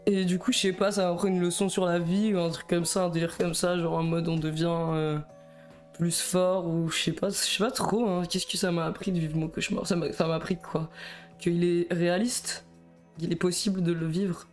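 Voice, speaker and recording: Speaking at a normal pace with a flat delivery, this young man has a high-sitting voice and a Belgian French accent. He rambles nervously in a casual live stream chat, stammering and laughing, while faint music plays behind him.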